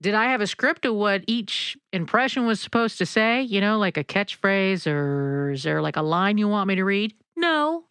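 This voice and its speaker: A woman's voice: medium pitch, moderate pace, few pauses, a bit bright, smooth, dry recording. A woman hosting a podcast, telling stories in a chatty, folksy way with frequent laughs. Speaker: podcast host. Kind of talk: casual storytelling chat.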